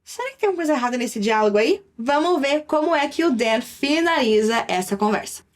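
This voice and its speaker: A young woman with a Brazilian Portuguese accent teaching an English lesson in a lively, chatty way, slowing down for English examples. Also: sits high. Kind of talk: online language lesson.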